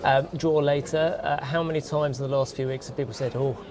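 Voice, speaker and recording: A man's voice: medium pitch, steady tone, a little fast. A man interviewing a sports guest at an event, asking short questions with "uh" and "um" fillers. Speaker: podcast interviewer. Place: busy media event. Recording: loud crowd in background. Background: loud crowd.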